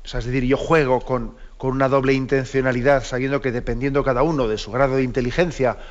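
A man gives a patient explanatory talk, reading a passage and then unpacking it. His voice sits at a medium pitch and keeps turning to his listeners with little tag questions. The recording is dull and lo-fi. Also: steady tone, fast talker. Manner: checks in with listeners through frequent tag questions. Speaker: presenter of a moral teaching program.

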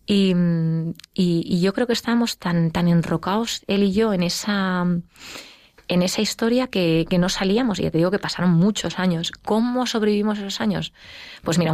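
A middle-aged woman with a Spanish accent, telling her personal story as an interview guest, emotional and quick. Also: lowish voice, darkish tone, dry recording, clean studio sound. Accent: Spain. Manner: fast, emotional storytelling with acted quotes. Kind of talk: personal testimony in conversation.

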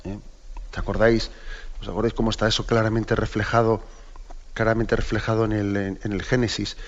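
A man's voice: fairly low pitch, level tone, fairly quick. Man from Spain teaching catechism, slightly dull recording. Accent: Spain Spanish. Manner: conversational, with frequent tag questions to listeners. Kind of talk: catechesis talk.

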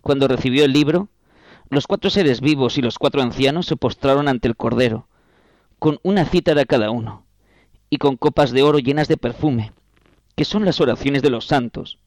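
A man preaching a sermon as a priest, reading scripture aloud with slow, solemn, repetitive phrasing. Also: mid-range voice, a little mellow, no room sound.

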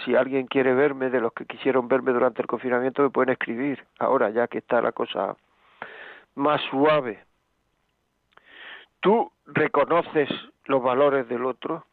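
A man's voice: mid-range voice, steady tone, unhurried, long pauses, dry recording. A man presenting relationship advice on the radio, talking emphatically and repeating himself with rhetorical questions. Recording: phone-like band, dry.

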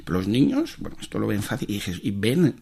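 A priest, telling stories as a guest in a casual radio interview, with many fillers. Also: male voice, on the low side, sing-song, a little fast, vocal fry, a little mellow, husky.

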